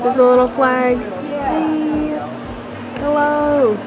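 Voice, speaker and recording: A woman's voice: sits high, fairly even intonation, extremely slow, muffled recording, a loud crowd. A young woman filming a casual vlog while joking with a friend, giggly and teasing. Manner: giggly and teasing, laughing often. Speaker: vlogger. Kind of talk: casual chat. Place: inside a gift shop. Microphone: handheld camera. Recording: shop music playing behind.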